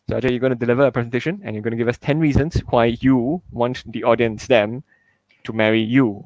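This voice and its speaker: A man's voice: mid-range voice, steady tone, quick pace, a little mellow, dry recording, poor audio. A man hosting a live comedy show, chatty and teasing with lots of fillers. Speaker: host.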